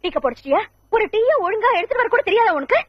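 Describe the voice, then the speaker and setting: An actress playing a brisk, commanding woman in a film comedy, giving orders. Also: high-pitched, lively intonation, very noisy. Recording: dull film audio with loud music.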